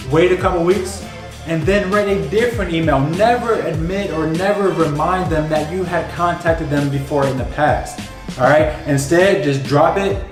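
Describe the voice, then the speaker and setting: This whiteboard tutorial comes from a young business coach whose cold leaves him sounding stuffy and a bit high-pitched. He's direct and lively, repeatedly checking on the viewer, and the bright office echoes with music plainly behind him.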